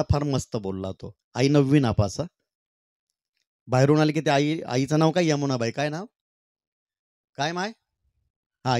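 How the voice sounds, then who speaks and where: A middle-aged man performing poems on stage. He sings slow, drawn-out refrains and then talks casually with the audience. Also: mid-range voice, no echo, studio quality. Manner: sings poem refrains slowly and loudly, then talks warmly and chattily to the crowd. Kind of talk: stage poetry recital with talk to the crowd. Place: stage at a public event.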